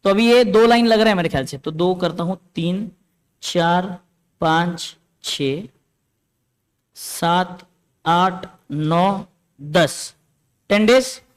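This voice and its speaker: A man's voice: high voice, takes it slowly, long pauses. A man teaching a classroom lecture, explaining step by step and often checking that students follow.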